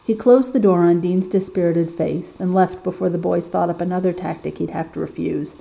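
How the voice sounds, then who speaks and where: Mellow-voiced woman narrating a story. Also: on the low side, steady tone, a little fast, gravelly, low-quality recording. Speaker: story reader. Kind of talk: audiobook narration of fan fiction.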